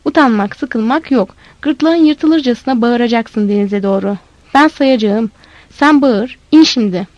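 A woman voicing a bossy, streetwise boy vendor who scolds loudly and insistently. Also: fairly high pitch, measured pace, no echo, lo-fi sound, close to an everyday voice. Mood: fierce.

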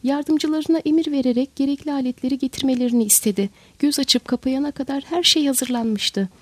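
A woman reading a historical novel aloud as narrator, in steady storytelling. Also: sits high, a little fast, dry recording. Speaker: audiobook narrator. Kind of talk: scripted narration.

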